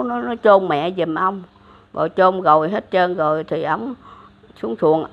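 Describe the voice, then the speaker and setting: Here an elderly woman tells a religious legend in a relaxed, rambling way, restarting often and leaning on fillers. She has a Southern Vietnamese accent and a gravelly, medium-pitched voice, and the lo-fi recording sounds dull.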